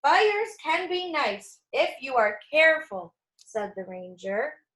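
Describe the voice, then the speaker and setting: Reading a picture book aloud to small children, a woman uses a high, fairly bright voice with big pitch swings, expressive like a storytime teacher. Her pace is slow and she takes her time. The room carries a noticeable echo.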